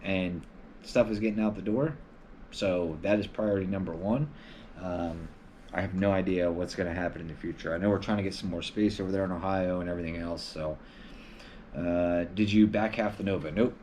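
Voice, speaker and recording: A man's voice: low-pitched, steady tone, fairly quick, darkish tone, slight background noise. A man hosting a casual live stream from home, answering viewer questions in a loose, rambling way with lots of filler words.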